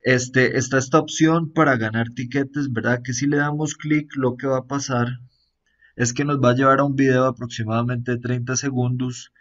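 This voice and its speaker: A man giving a relaxed walkthrough of a phone app, often tagging sentences with a questioning aside and pausing on fillers. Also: mid-range voice, dull audio. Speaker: app reviewer. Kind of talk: casual screen-recorded app walkthrough.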